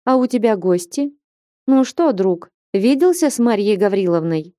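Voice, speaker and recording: A woman voicing a calm older abbess who speaks in a measured, composed way. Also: mid-range voice, dry recording, clean studio sound, close to an everyday voice.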